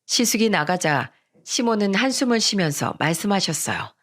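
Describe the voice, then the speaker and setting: A woman narrating a scripted radio story in the first person, in an even, storytelling tone. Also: medium pitch, normal speed.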